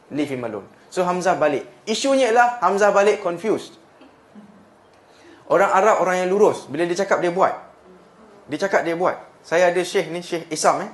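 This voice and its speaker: A man with a Malaysian accent telling a religious story to a class, switching between Malay and English and repeating words for emphasis. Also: on the high side. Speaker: religious lecturer.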